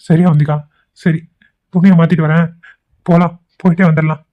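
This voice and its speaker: A performer voicing a gentle, anxious young husband in a cartoon, asking questions and reassuring his wife. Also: medium pitch, flat delivery, a little fast, close to an everyday voice. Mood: worried. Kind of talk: cartoon voice acting. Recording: tinny phone-like sound.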